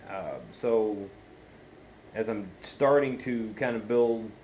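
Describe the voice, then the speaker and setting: A man's voice: lowish voice, darkish tone, slight background noise, rough recording. A man chatting casually to viewers as a video host, hesitant and meandering, on an amateur phone recording. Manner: hesitant, meandering, halting delivery. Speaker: pipe-smoking video channel host. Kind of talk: casual unscripted chat to viewers.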